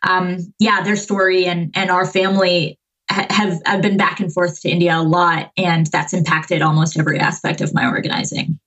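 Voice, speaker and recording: A woman in her twenties from Massachusetts speaks as a guest on a podcast, pushing her points with fierce conviction and quick, filler-strewn sentences. Her voice sits a bit low. The recording is a touch dull and lo-fi. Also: little pitch movement, a bit bright. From Massachusetts, USA. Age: 20s. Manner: passionate, fast, with frequent fillers. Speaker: climate movement organizer, guest. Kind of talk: podcast interview.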